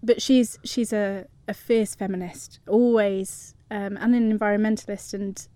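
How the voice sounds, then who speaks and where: A woman's voice: mid-range voice, fairly even intonation, measured pace, warm tone, dry recording. A middle-aged woman with a southern English home counties accent, chatting as a guest in a radio interview. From Surrey, England. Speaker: studio guest.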